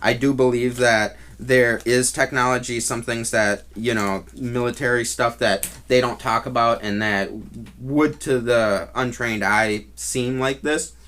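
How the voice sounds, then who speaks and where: Male vlogger, mid-pitched, casual and unscripted storyteller with a halting, meandering delivery. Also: steady tone, fairly bright tone. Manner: rambling and halting, with trailing restarts. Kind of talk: casual first-person storytelling.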